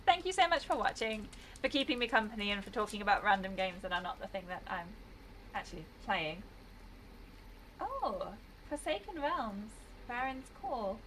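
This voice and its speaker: A woman's voice: mid-range voice, big pitch swings, normal speed, fairly bright tone, slight background noise, low-quality recording. A British woman chatting casually while streaming a game, rambling and laughing often. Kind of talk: casual gameplay commentary.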